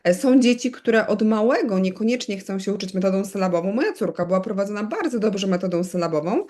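A middle-aged woman from Poland, a teacher of bilingual children, speaking in an easygoing interview. She explains at length, keeps turning to her listener with quick asides, and fills pauses with small hesitations. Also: medium pitch, expressive, darkish tone. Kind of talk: conversational expert interview.

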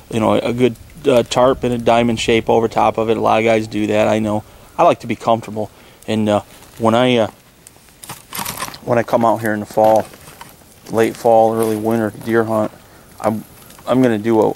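A man's voice: lowish voice, creaky. Man in his forties, casual camping vlog, rambling with ums, outdoors in snowy woods, faint background hiss. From Michigan, USA. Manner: relaxed, rambling, many ums and uhs. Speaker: outdoor vlogger. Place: snowy woods outdoors, under a tarp shelter.

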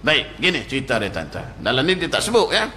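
Bright, animated Malaysian ustaz. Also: male voice, medium pitch, a little fast, slight background noise. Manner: animated storytelling, acts out quoted speech. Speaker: religious teacher. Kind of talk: mosque lecture. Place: prayer hall.

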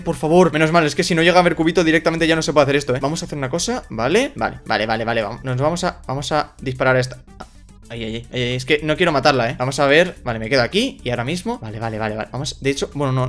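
Young gamer, excitable and fast, for gameplay commentary over quiet music. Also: male voice, a little high. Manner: excitable, shouts and repeats himself. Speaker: gaming YouTuber.

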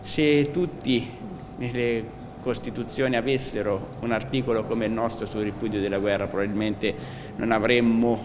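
A man's voice: fairly low pitch, fairly even intonation, normal speed, crowd noise. A man, a politician, giving a formal, earnest speech in a council chamber. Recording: reverberant council hall with noise.

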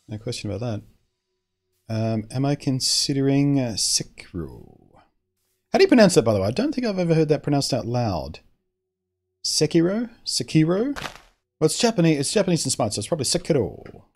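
A man's voice: mid-range voice, sing-song, fairly quick, a little mellow. A man chatting casually on a live stream, answering chat in an opinionated, rambling way, often trailing off and restarting his sentences.

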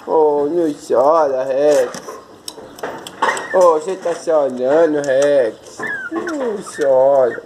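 A man, gently soothing a crying puppy in baby talk. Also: a little high, drawn-out words, background noise. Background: puppy whimpering.

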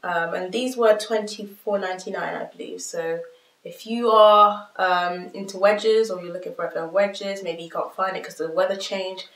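A woman's voice: medium pitch, steady tone, normal speed, a bit bright. A young woman vlogger with a cold, talking through her clothes haul in a nasal, chatty way full of ums and likes. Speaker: fashion vlogger. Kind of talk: casual haul vlog. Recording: roomy sound, mic at a distance.

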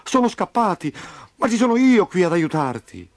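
A man's voice: fairly high pitch, very animated, moderate pace, slightly rough, dry recording, pitched above the performer's own voice. A man reading a storybook, voicing a timid but brave little boy who talks eagerly and anxiously.

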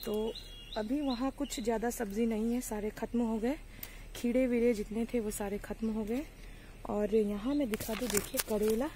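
A slightly high woman's voice comes with background noise. She's young, vlogging casually on a handheld phone from her sunny vegetable garden, chatting to viewers like friends and using lots of fillers, hot and bothered by the sun and mosquitoes.

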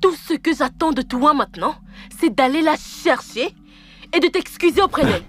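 A woman's voice: sits high, animated, moderate pace, slight background noise. A woman dubbing a stern mother who scolds her son in a film drama. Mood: scolding. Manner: scolding, commanding.

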